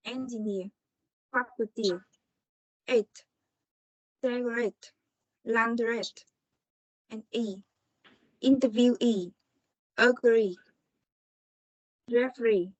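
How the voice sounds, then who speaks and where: A woman student presenting on word stress, reading examples slowly, one word at a time. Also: fairly high pitch, no room sound, dull audio.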